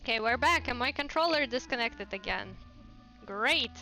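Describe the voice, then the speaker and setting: A chatty woman with a Russian accent rambles through a casual livestream. Her voice is bright and a little high, with soft game music playing behind her. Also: expressive, normal speed, poor audio. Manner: chatty and rambling, laughs often. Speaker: VTuber streamer.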